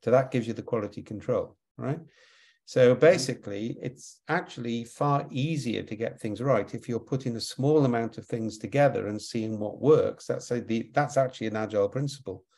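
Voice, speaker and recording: A man's voice: mid-range voice, a little mellow. A man answering audience questions in a webinar, explaining with repeated words and frequent "right?" tags.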